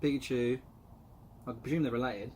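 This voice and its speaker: A man's voice: medium pitch, steady tone, moderate pace, darkish tone. A man in his mid twenties, teasing his friend playfully in casual chat. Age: 20s. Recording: light background noise.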